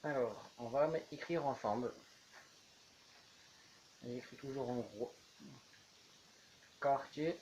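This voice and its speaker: A man's voice: medium pitch, unhurried, pauses often, darkish tone, slight background noise, poor audio. A man chatting casually while building in a game, rambling on as he goes. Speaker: YouTuber. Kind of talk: casual gameplay commentary.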